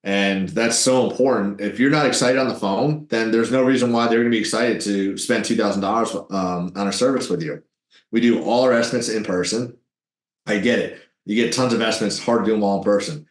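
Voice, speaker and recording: A man telling business tips in an interview, animated and salesy. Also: on the low side, echoey room. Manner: animated, salesy, quick asides. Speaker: guest, business owner.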